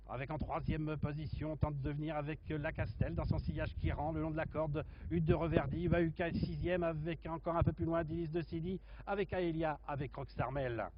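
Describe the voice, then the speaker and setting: A man giving live horse racing commentary, haltingly listing the runners in order. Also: on the high side. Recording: muffled, noisy racecourse commentary feed.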